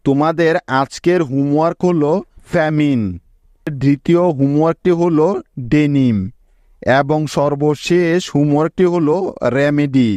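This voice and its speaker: A man's voice: on the high side, darkish tone, no echo, dull audio. A man teaching a spelling lesson in a patient classroom style, often asking his students questions and answering them himself.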